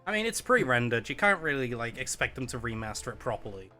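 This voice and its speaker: Man, bright tense voice, sarcastic gaming banter, swears, faint music behind. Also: mid-range voice, big pitch swings, quick pace. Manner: casual, sarcastic, profane. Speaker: co-host of a gaming playthrough. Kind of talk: casual chat while playing a video game.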